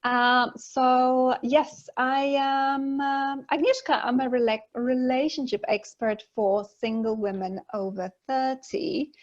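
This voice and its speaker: A Polish-born woman in her forties appears as a guest relationship expert on a video call from her living room, chatting openly with frequent laughs and many fillers in casual interview talk. Her voice sits high with fairly even intonation, slow and nearly pause-free. Captured on an earphone mic, the audio sounds muffled.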